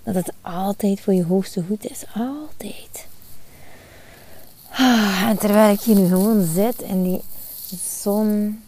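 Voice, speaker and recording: A woman's voice: mid-range voice, fairly even intonation, a little slow, dark tone. A woman, hosting a spiritual podcast monologue outdoors in the sun, earnest and repeating her phrases. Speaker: podcast host.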